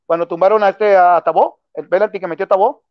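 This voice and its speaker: A man's voice: sits high, steady tone, fast talker, no echo. A man, co-hosting a sports talk show in a heated casual debate. He keeps repeating his question and talks over the others. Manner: insistent, repeats questions, interrupts. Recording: dry, slightly dull podcast audio.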